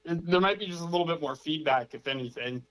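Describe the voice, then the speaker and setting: Relaxed man with a slightly high voice. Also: fast, crowd noise, rough recording. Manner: relaxed, explains things plainly. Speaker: guest. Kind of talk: casual interview on a call.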